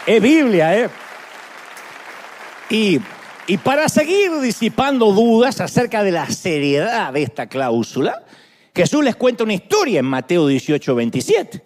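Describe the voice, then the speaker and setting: Animated Argentine preacher man. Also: high-pitched. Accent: Argentine Spanish. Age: 50s. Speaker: pastor. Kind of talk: sermon.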